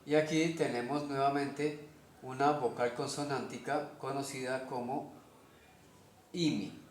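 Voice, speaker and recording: A man with a Colombian Spanish accent walks through a language lesson at a slow, unhurried pace. He explains each step methodically and keeps checking that his listeners follow. His voice sits at a middle pitch and rings in an echoey room. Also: steady tone, a little hiss or hum. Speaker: teacher of a constructed language.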